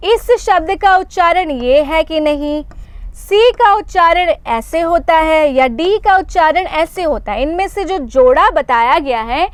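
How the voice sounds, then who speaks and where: A woman's voice: very high-pitched, dry recording. A young woman teaches a live online exam-prep class, explaining patiently and checking in with "isn't it?" as she goes. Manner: explains patiently, repeats points and asks "isn't it?" often.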